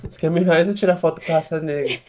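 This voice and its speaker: A woman's voice: sits low, steady tone, rapid-fire, noisy background. A woman co-hosting a podcast, chatting casually and chiming in with jokes. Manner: joking interjections. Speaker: podcast co-host. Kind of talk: casual chat.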